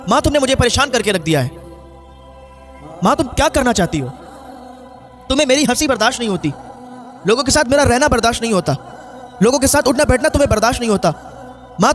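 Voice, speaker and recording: A male preacher voicing a defiant young son who drinks, raising his pitch to complain and plead. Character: young adult son, drunk, defiant then desperate.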